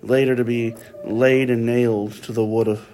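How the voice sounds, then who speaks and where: A man's voice: mid-range voice, little pitch movement, moderate pace, warm tone, a little hiss or hum. A man leading a casual Bible study, talking conversationally and often checking in with his listeners with tag questions.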